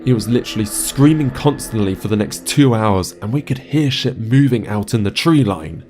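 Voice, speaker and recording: A man's voice: on the low side, expressive, moderate pace, a little mellow. A man narrating a first-person horror story in a profane, conversational way. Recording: narration over music bed.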